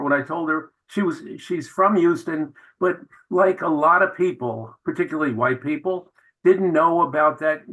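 A man's voice: on the high side, a bit bright, rough recording. A man, a film director, answering radio interview questions with enthusiastic, anecdotal storytelling.

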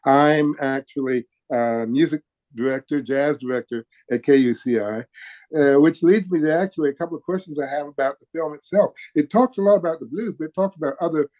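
A man's voice: fairly high pitch, a little fast, darkish tone. A man hosting a radio interview, asking hesitant questions full of fillers. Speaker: radio music director and guest host.

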